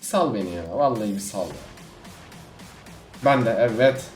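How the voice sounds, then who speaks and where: A man giving live commentary on his own gameplay as a gaming YouTuber, swinging between low muttering and sudden outbursts. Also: animated, moderate pace. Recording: echoey room with faint music.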